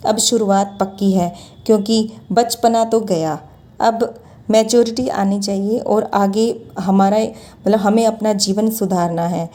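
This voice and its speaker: This is a thirty-something woman giving an earnest, exhorting motivational talk. She speaks in a mid-range voice with a dark tone, and music plays in the background.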